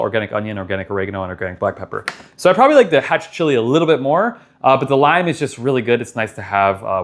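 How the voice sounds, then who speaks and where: A man giving a casual product review, speaking in an enthusiastic, emphatic way as a vlogger. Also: mid-range voice.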